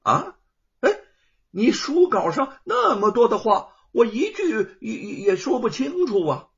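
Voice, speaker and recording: A man's voice: very high-pitched, big pitch swings, a little slow, a bit bright, breathy edge, voice pushed up, heavily acted. A man voicing a servile lackey who stammers and fumbles as a false witness. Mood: flustered. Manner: stammering, fawning, flustered. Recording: dull lo-fi recording.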